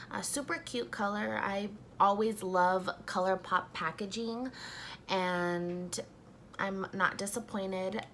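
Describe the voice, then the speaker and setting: A young woman doing a casual makeup review at home, talking softly and a little sleepily as she applies primer. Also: medium pitch, slight background noise. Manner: soft-spoken, just woken up. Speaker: beauty vlogger.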